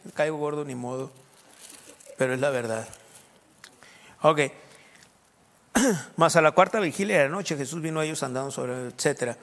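A man's voice: on the high side, normal speed, long pauses, fairly bright tone, in a large hall. A man preaching a sermon in a conversational way, often quizzing his listeners with questions.

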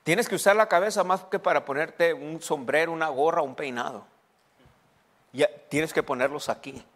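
A man preaching a sermon in a slightly higher voice. He quizzes his congregation and repeats phrases for emphasis. His voice rings with the long reverb of a big church hall. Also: moderate pace, a bit bright. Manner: preaching to a congregation with questions and repetition. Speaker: pastor.

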